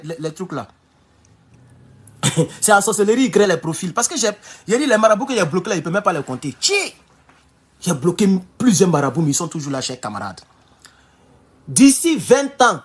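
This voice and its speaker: A man's voice: high voice, slightly rough. A man from Burkina Faso with a West African French accent, giving casual, emphatic political commentary to his viewers and often stumbling over restarts. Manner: animated, emphatic, with repeated restarts and addresses to "chers camarades".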